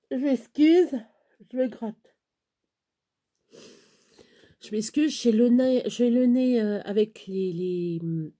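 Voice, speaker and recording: On her own YouTube channel, a woman from Touraine, France, chats casually to camera with a Touraine French accent, rambling along with lots of fillers and restarts. Her voice is fairly high and mellow.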